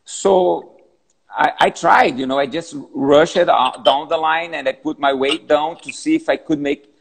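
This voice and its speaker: A man in his fifties, a big wave surfer, answering interview questions in halting, repetitive English, calling in from a gym. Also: on the high side. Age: 50s. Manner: halting, repeats words, non-native phrasing.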